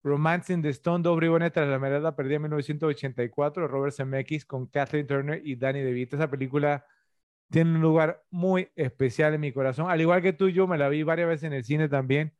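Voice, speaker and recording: A man's voice: fairly high pitch, steady tone, brisk, darkish tone, dry recording. A middle-aged man co-hosting a casual film-review podcast, rambling and full of tag questions. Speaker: podcast co-host.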